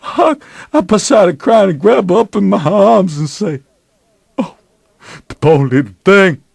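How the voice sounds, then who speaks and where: A man's voice: sits low, animated, unhurried, no echo, studio quality. A man voicing a grieving, remorseful father in a dramatic novel reading, talking in a drawling folksy dialect heavy with sorrow. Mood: anguished.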